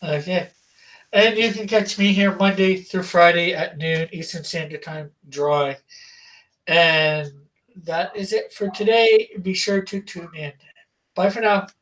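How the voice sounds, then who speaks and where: A man hosts an informal livestream in a casual, conversational tone. His delivery is halting and unpolished, feeling its way from phrase to phrase. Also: high-pitched, steady tone, fairly bright tone, recorded from a distance, poor audio. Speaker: host of an online comics art auction.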